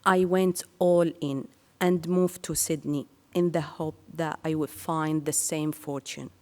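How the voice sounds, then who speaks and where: A woman from Syria giving a prepared speech to an audience in measured, earnest phrases. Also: low voice, steady tone, dark tone, long reverb tail. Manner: slow and measured, with earnest pauses. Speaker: speaker sharing her career story.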